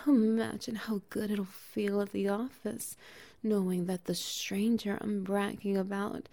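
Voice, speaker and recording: In an intimate audio roleplay, a woman plays a doting, dominant bear-woman, murmuring in a soft, teasing whisper broken by low, breathy laughs. Her mellow, warm voice carries a gravelly fry, and she draws every word out slowly.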